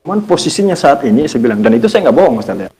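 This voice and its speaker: A man's voice: medium pitch, very animated, rapid-fire, mellow, poor audio. Earnest man telling a personal story. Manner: earnest, reflective, often quotes himself. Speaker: podcast guest, Islamic teacher. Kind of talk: casual storytelling in conversation.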